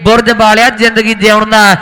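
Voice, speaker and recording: A man's voice: high-pitched, flat delivery, a little fast, bright, forceful tone. A man with a Malwai Punjabi accent commentates live on kabaddi in a rousing, declamatory way. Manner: rousing, calls to the crowd. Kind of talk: live sports commentary with folk couplets. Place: outdoor village tournament ground.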